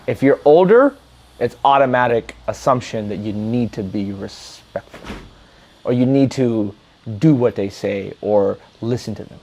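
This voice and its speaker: A man's voice: mid-range voice, measured pace. Blunt, profane man telling stories. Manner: blunt, profane, animated storyteller. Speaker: podcast co-host. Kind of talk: casual chat, storytelling.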